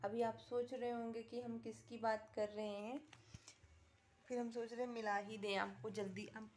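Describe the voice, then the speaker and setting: Woman, fairly high voice, casual home vlog, doting baby talk, at home at night. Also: level tone, moderate pace, a little mellow, slight background noise. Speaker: vlogger.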